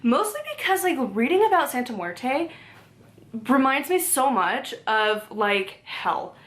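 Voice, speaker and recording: High-pitched, animated, slightly bright, and unhurried, a young book vlogger chats at home about her library books. She rambles and laughs easily, leans heavily on "like," keeps correcting herself, and talks to her cat between books.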